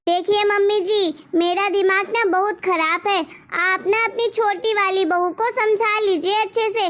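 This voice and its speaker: A woman's voice: very high voice, steady tone, measured pace, fairly bright tone. A woman voicing a quarrelsome, hot-tempered eldest daughter-in-law in a cartoon story. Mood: angry. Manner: angry, threatening, self-pitying.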